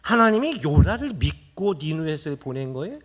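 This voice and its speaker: A male pastor delivers a sermon in a church, tossing out rhetorical questions to his congregation. His voice sits high and swings widely in pitch, keeping the preaching animated. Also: moderate pace. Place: church sanctuary.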